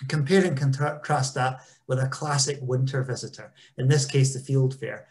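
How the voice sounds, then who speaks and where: A man's voice: mid-range voice, normal speed, a little mellow. Chatty man presenting on a video call. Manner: chatty, informal, frequent ums. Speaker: engagement officer. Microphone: video call webcam.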